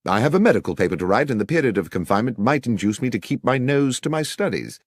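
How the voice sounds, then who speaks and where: A man's voice: mid-range voice, very animated, fast, no room sound, pitched above the performer's own voice. A man voicing a mild, genial doctor and loyal companion in an audiobook, with a British accent and polite manner. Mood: accepting.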